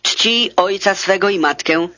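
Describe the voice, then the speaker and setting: A calm, solemn teacher, as a male reader gives his lines. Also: high-pitched, unhurried, no echo. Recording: dull lo-fi dry recording.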